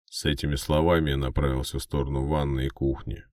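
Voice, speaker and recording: Very deep-voiced male audiobook narrator. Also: little pitch movement, fast talker, a little mellow, no echo, clean studio sound. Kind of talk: scripted first-person fiction narration.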